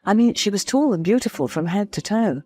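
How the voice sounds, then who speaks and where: A woman's voice: mid-range voice, animated, a little fast, a little mellow. A woman narrating a first-person story in a confiding, storytelling manner.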